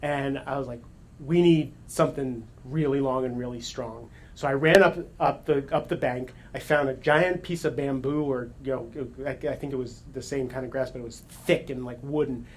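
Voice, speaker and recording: Man telling a lively story. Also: medium pitch, normal speed, hardly any pauses. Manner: animated, excited retelling with self-corrections and laughs. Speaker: coach and speaker. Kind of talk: storytelling talk to an audience.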